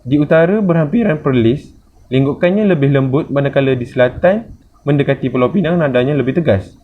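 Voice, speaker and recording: A man's voice: a little high, fairly quick. A man with a Malaysian Malay accent formally reading a scripted academic presentation, like a student presenter. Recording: muffled lo-fi, faint noise.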